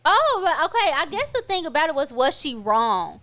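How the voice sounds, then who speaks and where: A woman's voice: high voice, sing-song, normal speed, pushed and bright. A young woman co-hosting a podcast in casual chat, laid-back and slangy, laughing often and acting out quotes. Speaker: podcast co-host.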